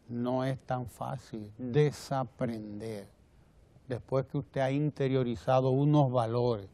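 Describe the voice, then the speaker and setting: Dominican male TV commentator, measured, repeats phrases, dark tone. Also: mid-range voice, dry recording. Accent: Dominican Spanish. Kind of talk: televised opinion commentary. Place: TV studio.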